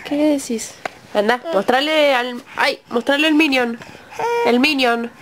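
A woman's voice: high voice, unhurried, slight background noise. A woman with a Rioplatense Spanish accent, a mother who is sick and tired, coaxing her baby in singsong baby talk on a home video.

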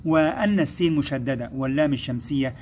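A man's voice: mid-range voice, darkish tone, a little hiss or hum. Patient man teaching young pupils. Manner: patient, explains step by step, slows to sound out syllables; addresses pupils as "my sons", praises them. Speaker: first-grade Arabic teacher. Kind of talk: recorded classroom lesson.

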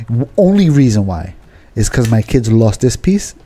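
Mellow, laid-back man telling stories. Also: medium pitch, normal speed, slight background noise. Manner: relaxed, rambling storytelling. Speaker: podcast co-host. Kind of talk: casual chat. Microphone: podcast studio mic.

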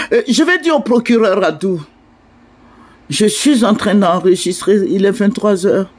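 An older Ivorian man, an online commentator with a high-pitched, darkish voice and an Ivorian French accent, records a video address indoors at night. He sounds indignant and pleading, repeating his appeals again and again.

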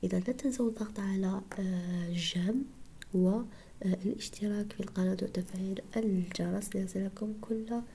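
A woman teaching French syllables to young pupils in a soft, breathy whisper, slow and patient, sounding out each syllable. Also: medium pitch, fairly even intonation, slight background noise. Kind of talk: whispered online lesson.

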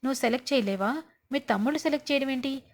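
A woman's voice: high-pitched, racing. A woman casually recapping a TV serial episode, acting out the characters' lines as she goes. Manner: lively, acts out characters' lines.

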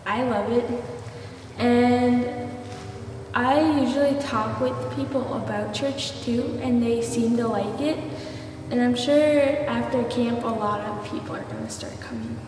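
A woman's voice: on the high side, lively intonation. A fourteen-year-old girl speaking shyly in a short interview. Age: teens. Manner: shy, slow. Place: large empty hall. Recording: echoey hall from far off.

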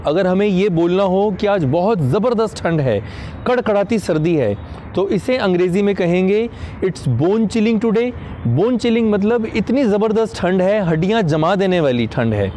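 A young man, a native Hindi speaker, teaching English vocabulary in a casual video lesson, spelling out English examples slowly. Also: sits high, warm tone, a little hiss or hum. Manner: explains slowly, says English examples deliberately.

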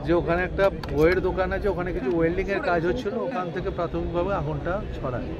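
A man official answering reporters' questions in a brisk manner, switching between Hindi and Bengali. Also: high voice, steady tone, muffled recording. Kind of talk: impromptu press answers. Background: crowd noise.

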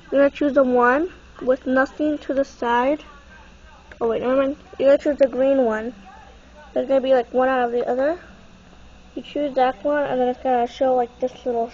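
A woman's voice: sits high, darkish tone. A young woman with a stuffy, congested-sounding nasal voice, giving a casual unscripted how-to walkthrough into a handheld phone. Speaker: tutorial presenter. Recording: muffled, noisy phone camera recording.

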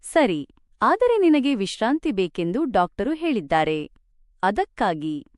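A woman voicing a gentle, patient elderly mother-in-law who speaks softly and soothingly in a spoken storybook. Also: mid-range voice, very animated, measured pace, no room sound. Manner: soft, soothing.

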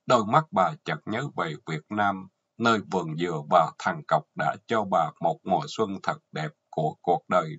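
Casting: husky male storyteller, Southern Vietnamese accent, earthy and mocking, dull lo-fi recording. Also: low voice, a bit bright. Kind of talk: short story narration. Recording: dull lo-fi audio.

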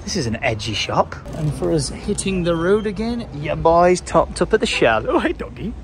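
A man's voice: a little high, sing-song, moderate pace, a little hiss or hum. A young British man chatting casually as a travel vlogger, with a jokey, exclamatory, slangy way of talking. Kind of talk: casual travel vlog chat.

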